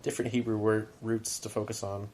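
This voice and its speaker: Low-leaning and a bit mellow, this man's voice barely moves in pitch as he talks fairly quickly into a podcast microphone. He's a podcast co-host and middle school teacher whose casual, chatty rambling is packed with "like" asides.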